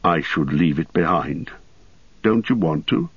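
A man voicing a grave, watchful old wizard in an audiobook, speaking thoughtfully and quietly. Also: on the low side, lively intonation, a little slow, creaky, slightly rough, no room sound, muffled recording, full character voice. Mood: quietly probing. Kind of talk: audiobook character acting.

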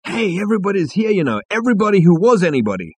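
A man voicing a brash, excitable alien adventurer who talks loudly and boastfully. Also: high voice, very fast, husky, no echo, voice pushed up, exaggerated voice. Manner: loud, boastful, breezy.

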